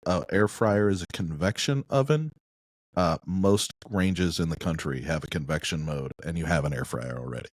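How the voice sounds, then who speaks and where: A man with a fairly low voice talks up his favorite things on a podcast, emphatic and wry. His delivery is lively and casual. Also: normal speed. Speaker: podcast co-host. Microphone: podcast microphone.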